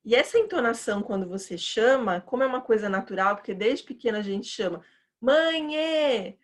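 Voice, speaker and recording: A woman's voice: medium pitch, lively intonation, quick pace. A woman with a chatty, opinionated manner, teaching teachers in an educational video and stretching words out as she demonstrates them. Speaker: teacher trainer.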